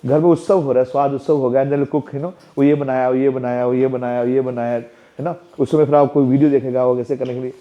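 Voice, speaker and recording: A temple president gives an interactive spiritual talk to parents, frequently quizzing the audience in a playful, chatty manner. His voice is mid-range and brisk, with little pitch movement, captured in a dull, lo-fi recording.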